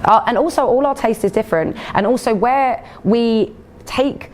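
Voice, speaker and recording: A woman with an Essex accent tinged with Cockney gives an informal health talk, explaining things chattily and taking questions from the audience. Her voice is on the high side with a darkish tone, at a moderate pace.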